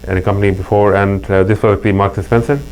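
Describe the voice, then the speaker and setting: Racing along in a lowish, darkish voice with level intonation, this middle-aged Pakistani man talks as a guest in a relaxed interview. He has a Pakistani accent and tells earnest stories, restarting often, while a faint mains hum sits underneath.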